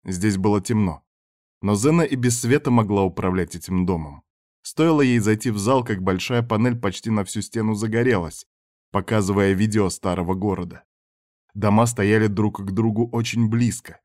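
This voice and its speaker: A man narrating an audiobook chapter in a measured, even reading voice. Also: on the low side, no echo, clean studio sound.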